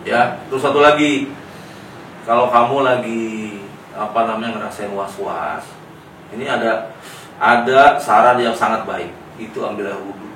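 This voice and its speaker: A man working as a clinic therapist, gently coaching a patient and then explaining things plainly to the parents. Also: lowish voice, moderate pace. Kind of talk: clinical consultation with a patient and family. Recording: echoey room, mic at a distance, faint noise.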